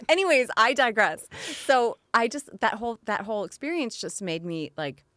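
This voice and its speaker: A woman's voice: fairly high pitch, big pitch swings, normal speed, sharp tone, dry recording, studio quality. A woman chatting casually and informally in a meandering, sweary way, her voice slightly off from a sore, strained throat. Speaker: podcast guest, singer. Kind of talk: casual chat.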